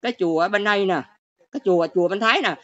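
An older woman with a Southern Vietnamese accent, hosting a livestream rant. She talks quickly and scolds her viewers with one exclamation after another. The audio is dull and lo-fi. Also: medium pitch, fairly bright tone.

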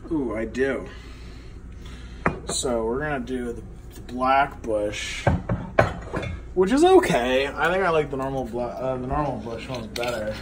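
A man's voice: medium pitch, expressive, unhurried, long pauses. A young man who sounds drunk, chatting loosely and profanely as he cooks at home. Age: young adult. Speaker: amateur home cook. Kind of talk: casual profane cooking chat. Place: home kitchen, indoors. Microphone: handheld phone. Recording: noisy handheld phone, kitchen clatter. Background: pans and cutlery clattering.

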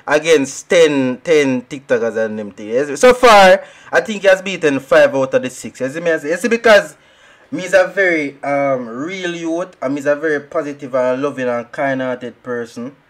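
A young Jamaican man streaming a shooter game, talking through it in excitable, rambling trash talk. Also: fairly high pitch. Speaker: gaming streamer. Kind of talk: live gameplay commentary.

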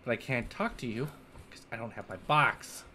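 A man's voice: mid-range voice, moderate pace, sharp tone, a little hiss or hum. A middle-aged man giving casual, sardonic, sweary gameplay commentary on a stream. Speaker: game streamer. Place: indoor streaming setup. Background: game music.

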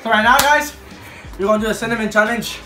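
A man's voice: very high voice, fast talker. A young man bantering casually in a vlog, boastful and goading, recorded in a room from a distance. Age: young adult. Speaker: challenge vlogger. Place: small living room. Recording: distant echoey room, loud music over it.

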